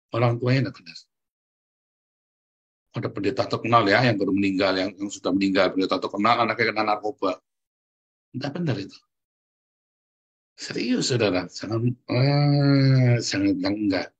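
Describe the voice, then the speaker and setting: A man's voice: on the low side, breathy edge. A middle-aged man preaching a sermon as a pastor, speaking emphatically and constantly addressing the congregation.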